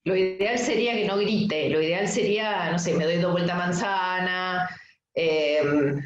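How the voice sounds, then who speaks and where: A middle-aged woman coach with an Argentine accent, teaching a webinar in a lively, anecdotal way and often asking "¿sí?" to check in with her listeners. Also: on the low side, unhurried. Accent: Argentine Spanish. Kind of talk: webinar lesson. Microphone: video call mic. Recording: echoey room, dull lo-fi sound.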